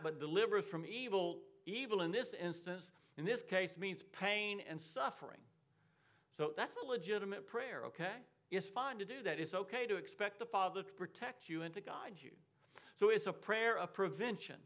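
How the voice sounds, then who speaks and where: High-voiced man preaching a sermon. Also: fairly bright tone. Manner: emphatic preaching with repeated words and frequent "okay?" and "amen?" checks. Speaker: pastor.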